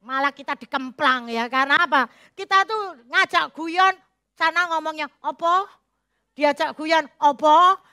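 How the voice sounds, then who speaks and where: A woman's voice: sits high, normal speed, sharp tone, no echo, clean studio sound. A middle-aged woman pastor, preaching a folksy, joking sermon. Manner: folksy, joking, mixes in Javanese phrases.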